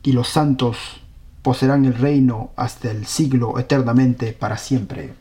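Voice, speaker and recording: A man's voice: mid-range voice, steady tone, unhurried, dark tone. A man preaching a sermon, reading scripture aloud and earnestly questioning his congregation.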